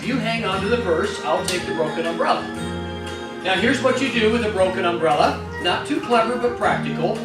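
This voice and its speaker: A man's voice: high voice, lively intonation, brisk. A man hosting a live magic show on stage, joking and coaxing the audience to play along. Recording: echoey hall, from far off, loud music.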